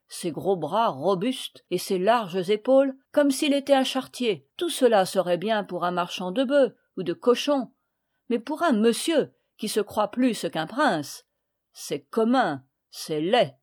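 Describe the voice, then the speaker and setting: A woman's voice: medium pitch, animated, a little slow, a little mellow. A woman reading aloud, voicing a jealous, spiteful boy who sneers at his rival in a storybook. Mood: scornful. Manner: spiteful and scornful.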